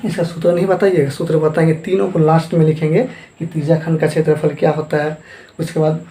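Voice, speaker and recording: A man's voice: fairly high pitch, little pitch movement, quick pace, dark tone. A man teaching a math lesson, who asks questions and answers them himself and repeats each term. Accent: Hindi-speaking eastern India, Jharkhand. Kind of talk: classroom lesson at a board. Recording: echoey room.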